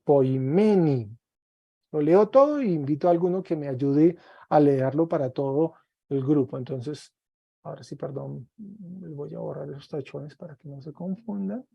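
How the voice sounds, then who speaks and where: A man's voice: on the high side, dark tone, dry recording, muffled recording. A man teaching a Greek class online, patiently drilling word forms and encouraging his students.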